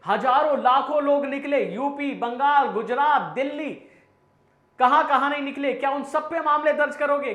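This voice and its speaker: A man's voice: very high voice, fairly bright tone, reverberant. A man giving an impassioned political commentary to camera, rousing and full of rhetorical questions, formally addressing his listeners as "sir".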